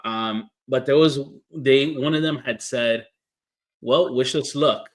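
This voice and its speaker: A man hosting a podcast, asking questions in a halting way with many restarts and fillers. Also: medium pitch, rough recording. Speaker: podcast host. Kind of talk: casual interview questions.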